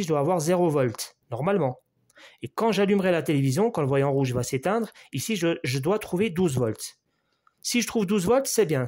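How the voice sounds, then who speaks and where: A man with a slightly high voice walks through a TV board repair in French, patient and talking right to the viewer. He repeats his main points as he measures, and his voice sometimes sinks quieter when he leans in over the board. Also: husky. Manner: explains step by step, addresses the viewer directly, repeats key points. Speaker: electronics repair instructor. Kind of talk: hands-on repair tutorial.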